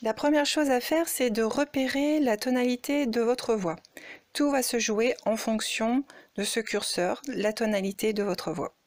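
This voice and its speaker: A woman teaches in a slow, careful way. Her voice sits fairly high, and she speaks each sentence at an unhurried, explanatory pace. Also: darkish tone, no echo, studio quality. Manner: slow, explanatory, sings out example syllables. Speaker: Chinese language teacher. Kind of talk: spoken lesson demonstrating tones.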